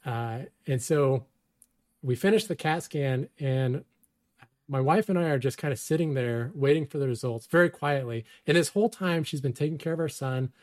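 A man's voice: mid-range voice, normal speed. Wry man telling a story. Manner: wry, self-deprecating, laughs often. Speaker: storyteller guest. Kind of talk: casual storytelling.

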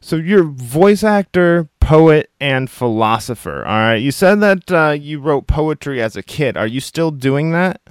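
A man's voice: on the high side, animated, a little slow, few pauses, smooth, no room sound, clean studio sound. A man hosting a casual interview, easygoing and agreeable as he chats with his guest. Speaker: interview host.

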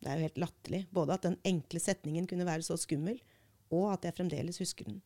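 A woman reading a book passage aloud and talking it through in a measured, thoughtful way as a podcast host. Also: on the low side, dark tone.

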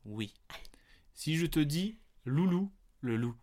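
A man's voice: on the high side, slow pace. A man hosting a casual movie quiz podcast, teasing and joking with his co-host. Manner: teasing, jokey, lively swings in tone. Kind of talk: playful casual chat.

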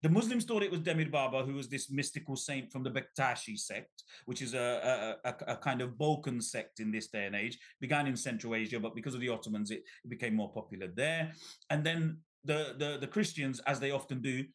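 With a mid-range voice and a brisk pace, a middle-aged Bangladeshi man tells his story as an interview guest author. He's lively, often backtracking to restart and repeating words.

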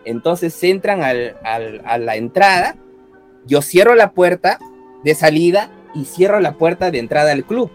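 A man tells a story in casual chat, cursing freely and acting out each voice. His voice sits high and swings widely in pitch. Faint music plays behind him. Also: measured pace. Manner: animated, profane anecdote-telling, acts out voices. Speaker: guest telling a story.

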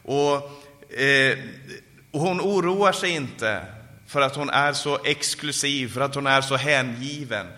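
A man preaching a sermon at a summer conference and closing in fervent prayer. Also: sharp tone. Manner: fervent, rising to calls and dropping low in prayer. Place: conference hall. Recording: live sermon in a reverberant hall.

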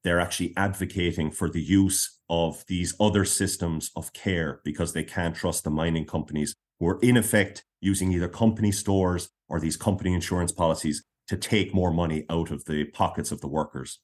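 A man with a deep, low-pitched voice talks as an interview guest. He tells history in a measured way, laying out points in short phrases. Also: steady tone. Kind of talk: explanatory interview talk.

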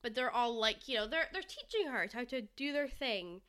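Bright high-voiced woman gushing and laughing through a casual podcast chat. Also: moderate pace, clean tone. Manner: animated, laughs often, retells scenes. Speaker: podcast co-host.

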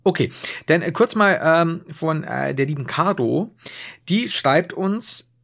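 A man with a slightly high voice chats as a podcast co-host. His delivery is informal and jokey, rambling along as in a relaxed comedy conversation. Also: takes it slowly, creaky. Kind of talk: casual comedic podcast chat.

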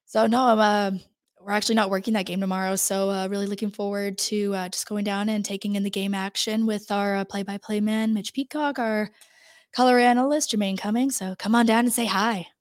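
A woman sports broadcaster with a raspy, worn voice, chatting casually as a radio guest. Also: medium pitch, steady tone, dry recording, clean studio sound. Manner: quick, jokey, quoting comedy lines.

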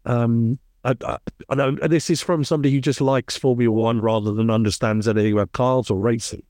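Man, podcast co-host, hesitant question, restarts, mid-pitched, dry sound. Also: steady tone, quick pace, a little mellow, no room sound. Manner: hesitant, stumbling over his words while asking. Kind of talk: casual interview chat.

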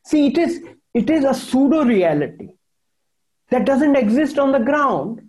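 A man with a North Indian accent speaks in a high-set voice with a mellow, relaxed tone. He answers conversationally, as in an interview. He stresses points by repeating phrases and mixes Hindi into his English. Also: measured pace. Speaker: interviewed journalist and author.

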